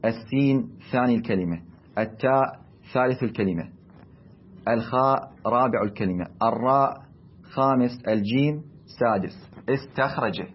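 A man with an Iraqi accent teaching a class, speaking deliberately and asking and answering his own questions. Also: medium pitch, slightly rough, dull audio. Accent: Iraqi Arabic. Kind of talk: classroom lecture.

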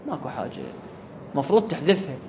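A high-pitched man teaches a grammar class. He keeps asking whether the point is clear and repeats key words. Faint noise sits under the recording. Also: lively intonation, fast talker, darkish tone. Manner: asks students questions and repeats key words. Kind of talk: classroom lecture.

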